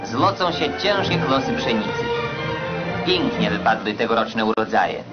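Old newsreel man announcing over loud music. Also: on the low side, big pitch swings, a little slow. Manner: formal, declamatory announcer delivery. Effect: old newsreel soundtrack. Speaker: newsreel narrator. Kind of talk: scripted newsreel narration. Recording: dull lo-fi old film soundtrack. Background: loud orchestral music.

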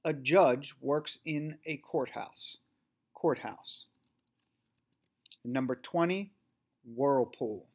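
A man reading out a spelling test as a teacher, deliberately announcing single words and example sentences. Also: mid-range voice.

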